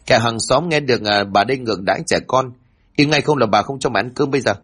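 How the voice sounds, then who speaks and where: A man's voice: mid-range voice, fast talker, slightly rough. A man voicing a harsh stepmother who threatens a crying child. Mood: threatening. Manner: threatening, shouting.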